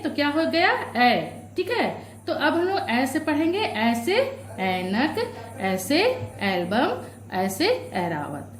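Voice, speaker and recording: A woman's voice: high voice, a little mellow, reverberant. A woman teaching young children from a workbook, patient, asking questions and answering them herself. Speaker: primary school teacher.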